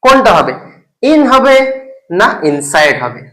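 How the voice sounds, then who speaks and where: A teacher walks through a grammar point in a lesson video. They keep asking questions and checking that the listener follows. Example English sentences are read out slowly, one word at a time. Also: medium pitch, very animated, bright, forceful tone, low-quality recording. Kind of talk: explaining grammar in a recorded lesson.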